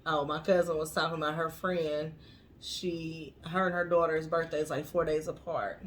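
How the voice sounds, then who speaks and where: A woman's voice: deep voice, fairly even intonation, moderate pace, a little hiss or hum. A woman in her late thirties co-hosting a podcast in casual chat, matter-of-fact and teasing. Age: late 30s. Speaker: podcast co-host.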